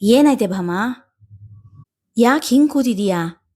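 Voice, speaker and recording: A woman voicing an elderly husband who scolds loudly, then asks his wife gently what is wrong, in a storybook reading. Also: on the high side, expressive, slow, husky, exaggerated voice. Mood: worried. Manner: scolding, raised voice. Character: elderly husband, stern but tender.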